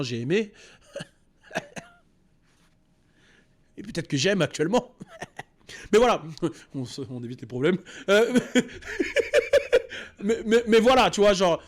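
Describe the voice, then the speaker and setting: A man host telling a personal story in a casual, animated, slangy way, with many restarts and repeats. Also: on the high side, moderate pace, pauses often.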